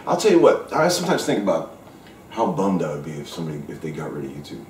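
Deep-voiced man guest, loose and frank, swears casually, recorded from across a roomy kitchen. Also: huge pitch swings, fast talker, a little hiss or hum. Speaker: session guitarist guest. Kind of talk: casual interview talk. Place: kitchen at home, indoors. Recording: roomy kitchen sound from a distant mic.

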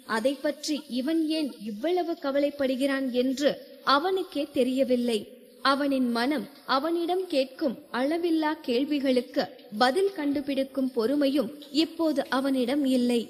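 Woman audiobook narrator: high voice, steady storytelling, long hall reverb. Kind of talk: scripted narration.

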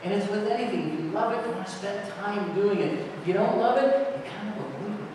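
A middle-aged man, a pastor, giving a children's sermon with gentle questions to children seated around him. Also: sits high, lively intonation, quick pace, background noise. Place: large church sanctuary, indoors. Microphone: distant camera. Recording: echoey church hall from far off.

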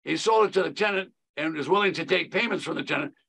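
A man's voice: fairly high pitch, fast talker, vocal fry, fairly bright tone, slightly rough. An older man explaining real estate investing on a video call, folksy and emphatic with a lot of repetition. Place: home office.

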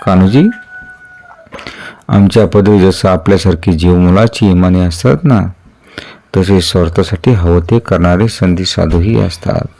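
A man's voice: deep voice, unhurried, warm tone. A man reading a story aloud and voicing a stern, commanding warrior king with firm authority. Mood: grave. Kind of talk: dramatic storytelling.

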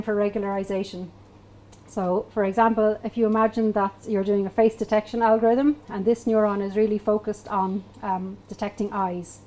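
Mellow-voiced woman explaining neural nets. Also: medium pitch, poor audio. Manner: explanatory, steady, with frequent fillers. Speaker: meetup speaker. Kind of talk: technical talk. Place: small event space with wooden walls.

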